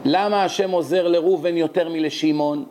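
Lively preacher man, slightly high. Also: slight background noise. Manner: lively, dramatic, quotes scripture, raises voice. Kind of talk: sermon with storytelling.

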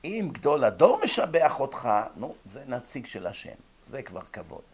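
A man giving a religious ethics lecture. He tells stories vividly and acts out the voices of the people in them. He moves between loud emphasis and quiet asides. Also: medium pitch, breathy edge. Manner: animated storytelling, acting out quoted voices. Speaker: Torah lecturer.

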